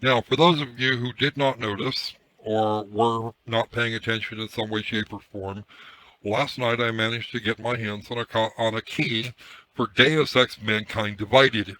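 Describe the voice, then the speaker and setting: A hoarse man ranting casually on a live stream through a headset mic, his voice run through a voice changer, irritated and swearing as he repeats himself. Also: fairly low pitch, fairly even intonation, a little slow, sharp tone, a little hiss or hum, low-quality recording. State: hoarse from screaming. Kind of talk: ranting livestream commentary.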